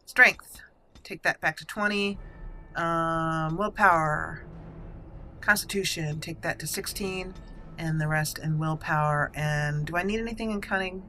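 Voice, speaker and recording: This woman's voice sits low and has a bright, forceful tone, delivered at an unhurried pace with a slight hiss or hum in the background. As a let's play host, she chats casually about the game and reasons aloud over each decision she makes.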